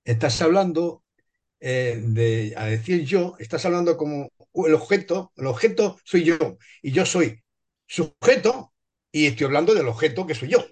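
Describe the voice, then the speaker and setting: A man joins a seminar discussion with a fairly high voice. He hesitates, stumbles over words and circles back as he puts his point together. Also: lively intonation, moderate pace. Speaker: seminar participant.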